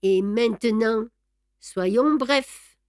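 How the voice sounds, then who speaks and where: A woman's voice: a little high, extremely slow, darkish tone, no room sound, studio quality. A woman reading the part of a male court clerk revealed as a brutal, mocking villain, speaking curtly. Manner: mocking, curt. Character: sneering male clerk turned armed villain, brutally bold.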